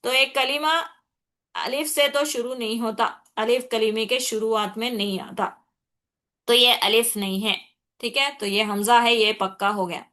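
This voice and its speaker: A woman with a Hyderabadi Urdu accent teaching a Quran recitation class. She explains tajweed rules patiently, repeats her points, checks in with her students often, and slows down to recite Arabic examples. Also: fairly high pitch, steady tone, pushed and bright. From India.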